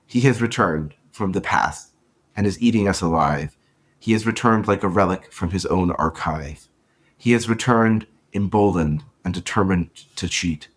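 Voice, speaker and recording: A man with a low, husky voice reads his own poem on a podcast and then talks it over. He is earnest and measured in both. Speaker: podcast co-host and poet. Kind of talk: poetry reading then casual talk.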